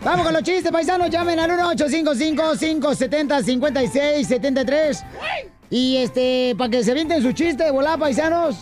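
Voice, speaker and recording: A playful male radio host. He throws out jokes in loud, energetic banter and laughs between them, with music playing faintly behind. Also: extremely high pitch, a little fast.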